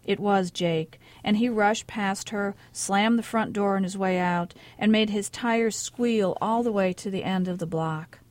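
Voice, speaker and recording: A woman author giving a measured, quiet literary reading of her own short story in a radio studio. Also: mid-range voice, no room sound.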